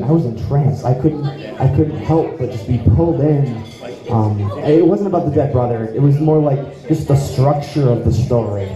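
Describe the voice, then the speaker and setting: Speaking into a handheld mic, a young man with a mid-range voice rambles through self-mocking stand-up comedy at a small club. The lo-fi sound is picked up from the audience, and the echoey club is filled with audience noise.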